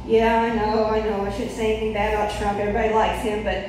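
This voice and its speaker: Working a small club with a handheld stage mic, this middle-aged comedian delivers loud, foul-mouthed, strongly opinionated material. She talks fast in a medium-pitched, slightly mellow voice with little pitch movement, captured from the crowd in a very echoey room with a distant mic and faint noise.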